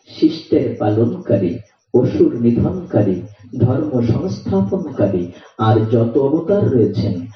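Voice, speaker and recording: A man giving a devotional scripture discourse to a gathering, telling stories, acting out quotes and chanting verses. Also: mid-range voice. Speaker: scripture reciter and preacher. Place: night gathering in an open courtyard. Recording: roomy, distant, dull sound.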